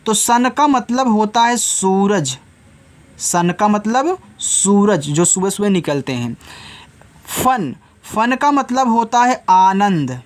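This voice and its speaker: In a children's phonics class, a man with a Hindi accent spells out English words one letter at a time, slowly and deliberately. Again and again he asks something and supplies the answer himself. His voice is high-pitched.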